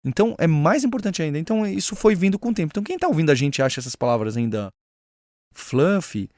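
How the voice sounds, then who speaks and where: A man's voice: on the high side, animated, quick pace, darkish tone, no echo, clean studio sound. A middle-aged man with a Brazilian Portuguese accent, speaking as a guest in a frank, reflective podcast conversation and acting out quoted dialogue. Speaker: guest, head of a school.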